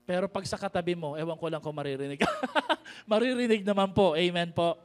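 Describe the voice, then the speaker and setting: A Filipino-accented pastor with a notably high voice delivers a lively sermon, calling out to his congregation. He slows down and stresses each word when he reads scripture aloud. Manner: preaches in mixed Tagalog and English, calling out to the congregation; reads scripture slowly and emphatically.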